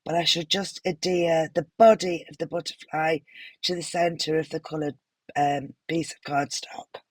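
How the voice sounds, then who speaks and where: A woman with a hoarse, unwell voice, gently narrating a craft tutorial voiceover with some apologetic pauses. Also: low-pitched, fairly even intonation, no echo. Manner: gentle, apologetic, stops for fillers. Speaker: card-making tutorial host.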